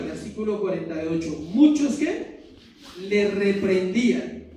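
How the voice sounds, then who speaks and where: A man preaching a sermon as pastor, asking the congregation rhetorical questions and pausing for effect. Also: sits high, warm tone. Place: church hall. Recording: echoey church room from far off.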